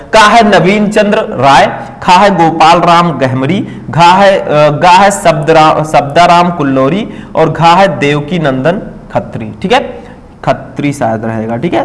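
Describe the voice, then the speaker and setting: A man's voice: high voice, in a large hall, rough recording. A male teacher running an exam-prep lesson, coaxing students to comment and saying "ठीक है" often.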